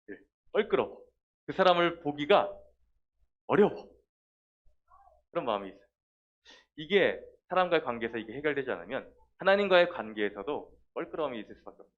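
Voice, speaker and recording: A man preaching a children's sermon in a lively way, talking straight to the kids and acting out little scenes. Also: mid-range voice. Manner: lively, talks directly to the children and acts out quotes. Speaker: children's pastor. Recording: dull lo-fi sound.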